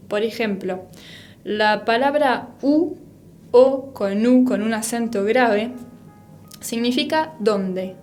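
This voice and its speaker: A woman teaching a French class, slowly and patiently spelling out letters and sounds. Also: a little high, a little mellow. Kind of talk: recorded language lesson.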